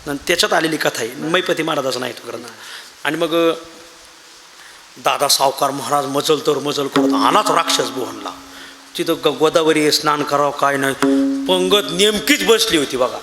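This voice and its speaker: A man's voice: on the high side, moderate pace. A male kirtan preacher telling a saint's story as a sermon, folksy and joking with a live audience in a large hall. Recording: echoey hall with loud ambient noise.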